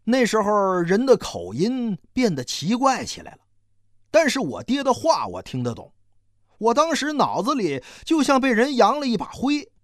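Expressive audiobook storyteller. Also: medium pitch, no room sound, clean studio sound. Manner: expressive, slow and dramatic. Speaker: narrator.

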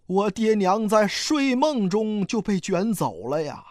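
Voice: mid-range voice, big pitch swings, a little mellow, no room sound, clean studio sound. A reader voicing a grieving peasant father. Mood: mournful. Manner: pleading, sorrowful, slow. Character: grieving poor peasant father fleeing famine. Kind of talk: audiobook character voicing.

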